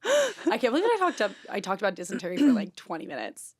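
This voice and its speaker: A young woman co-hosting a podcast, chatting casually with quick, enthusiastic reactions. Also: mid-range voice, huge pitch swings, husky. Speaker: podcast co-host. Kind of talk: casual chat.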